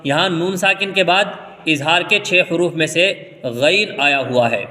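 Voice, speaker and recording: A man from India teaching Quran reading, spelling out letters slowly and then explaining the rules quickly. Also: fairly high pitch, sharp tone, long reverb tail. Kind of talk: step-by-step recitation lesson.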